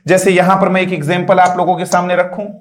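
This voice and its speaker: High-voiced man teaching a lecture. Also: level tone, reverberant. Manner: repeats "dosto", asks "are you getting me"; patient, drawn-out word-by-word explanations. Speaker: English teacher. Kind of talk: classroom lecture.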